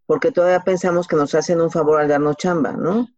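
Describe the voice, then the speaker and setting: On a slightly dull, lo-fi recording, a podcast guest gives career advice in a low, darkish voice with fairly even intonation and a quick pace. She has a Mexican accent and answers colloquially, leaning on examples and rhetorical questions in a casual interview style.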